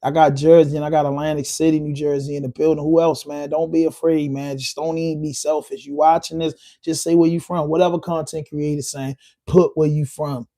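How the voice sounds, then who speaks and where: A man hosts his own livestream podcast, riffing loosely to the chat. His voice sits a bit high for a man and has a dark, mellow tone. He talks in a heated, emphatic way, circling back to repeat his points. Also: flat delivery, fairly quick. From Baltimore. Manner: heated, repetitive, emphatic street talk. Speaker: podcast host. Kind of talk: live-stream commentary.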